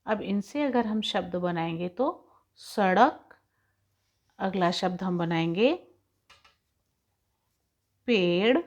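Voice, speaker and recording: A woman teaching young children in an online class lesson, explaining each point slowly and patiently. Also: fairly low pitch, lively intonation, a little mellow. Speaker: school teacher.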